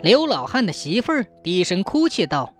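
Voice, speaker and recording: A woman narrating a ghost story in a measured, suspenseful way. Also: on the low side, very animated, faint music behind.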